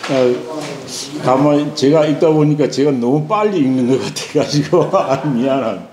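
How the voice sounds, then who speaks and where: A man teaching classical texts, chanting slowly in a sing-song, then explaining with many fillers. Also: medium pitch, a little mellow. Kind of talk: chanted reading and lecture. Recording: echoey room, faint ambient hiss.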